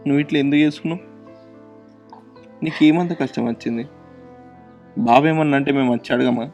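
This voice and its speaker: A young actor with a Telangana Telugu accent playing a worried, protective younger brother who questions and reassures. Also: male voice, mid-range voice, fast talker, a little mellow, soft background music, close to an everyday voice. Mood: urgent.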